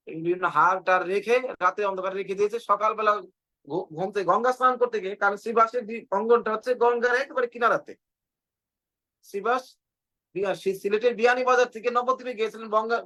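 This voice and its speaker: A man's voice: high-pitched, sharp tone, poor audio. A man giving a fervent devotional sermon on a video call, retelling stories with repetition and acted quotes. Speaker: preacher.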